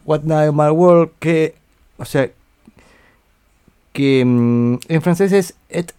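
A man hosting a casual radio show, thinking aloud and correcting himself as he rambles through listener greetings and song lists. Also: mellow. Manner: reads listener greetings and lists songs in a low aside. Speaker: radio host.

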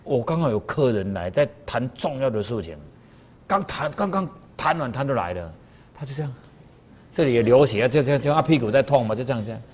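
A man delivers a moral lecture to a class. He tells stories in a loose, conversational way and leans on sentence particles. His pitch rises and falls a great deal, so the talk sounds lively. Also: fast talker, husky. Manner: animated colloquial storytelling with frequent sentence particles.

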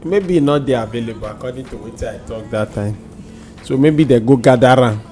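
A man's voice: medium pitch, brisk, mellow, soft background music. A Nigerian man speaking Nigerian Pidgin as a panelist in a casual radio discussion.

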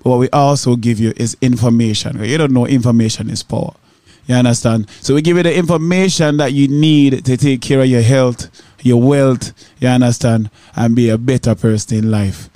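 A man's voice: medium pitch, steady tone, normal speed, mellow, no room sound. A man hosting a radio show as DJ, talking casually in street slang between songs. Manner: laid-back, street-slang talk. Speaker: radio DJ host.

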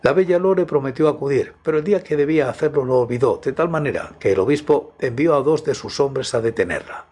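A man with a husky voice narrating scripted tales as the host of a story programme. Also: medium pitch, animated, a little fast, few pauses, a little mellow. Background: music.

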